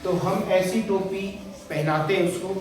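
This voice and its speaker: A male primary school teacher questions his young pupils in a classroom and repeats their answers back to them. His high-pitched voice is fairly even and measured in pace, picked up far from the mic in a very echoey, noisy room.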